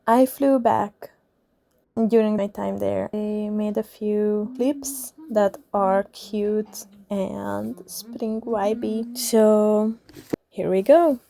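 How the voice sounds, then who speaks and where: A young woman from Hungary chatting casually as she narrates her travel and reading vlog, with soft laughs. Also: mid-range voice, steady tone, very slow, vocal fry. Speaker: book vlogger. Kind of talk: casual vlog voiceover and diary talk.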